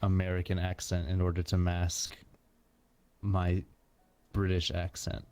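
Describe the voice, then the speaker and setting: Male, low-pitched voice, casual interview chat, blunt slangy phrasing, laid-back. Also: monotone, a little slow, darkish tone.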